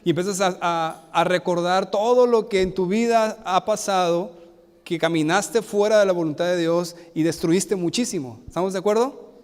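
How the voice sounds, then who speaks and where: A man preaching a sermon as pastor, animated and asking the congregation frequent rhetorical questions. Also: sits high, moderate pace, smooth, big-room sound. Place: church sanctuary.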